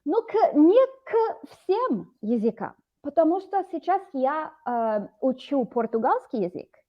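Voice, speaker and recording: A woman's voice: high-pitched, very animated, a little slow, dull audio. A woman tutoring a student over a video call, explaining words patiently. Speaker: Russian teacher. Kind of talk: online language lesson.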